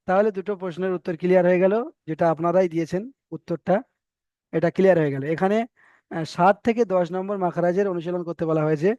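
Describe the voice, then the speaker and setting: High-voiced man teaching Quran recitation. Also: fairly even intonation, quick pace, mellow, no echo, highs cut off. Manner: patient, repeats and drills sounds for students. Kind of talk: online tajweed lesson.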